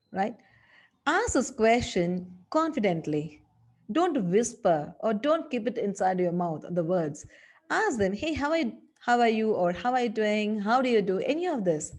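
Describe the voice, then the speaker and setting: A woman teaching a lesson as a communication coach, acting out sample phrases with changing tone. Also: mid-range voice. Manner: instructive, demonstrates phrases with exaggerated tone shifts. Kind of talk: spoken English lesson.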